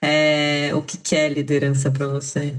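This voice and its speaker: A woman's voice: deep voice, completely flat delivery, unhurried. A Brazilian woman co-hosting a podcast, asking reflective follow-up questions in an encouraging way. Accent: Brazilian Portuguese. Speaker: podcast co-host. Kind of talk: casual interview chat.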